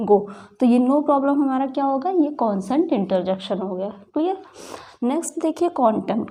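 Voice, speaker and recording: Mellow Indian woman teaching grammar. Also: a little high. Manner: explains each example, often asking and answering her own questions. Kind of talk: bilingual grammar lesson.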